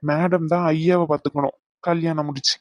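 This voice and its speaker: A teasing, doting young man, played by a woman in a homemade audio drama romance. The voice sits lower than her usual, coaxing and playful, close and dry. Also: steady tone, a little fast, darkish tone, dry recording, close to an everyday voice. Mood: affectionate teasing.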